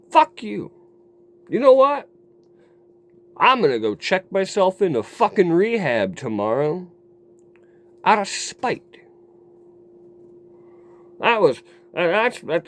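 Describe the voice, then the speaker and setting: A man telling a raw personal story to his camera in a rambling, profane way, dropping low and quiet, then flaring into heated outbursts. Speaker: vlogger. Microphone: camera mic.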